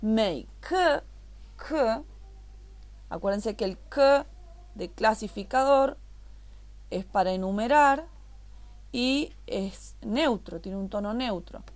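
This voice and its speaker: A woman's voice: on the high side, expressive, slow pace, long pauses, darkish tone. A woman teaching a recorded online language class, explaining patiently and repeating each word step by step.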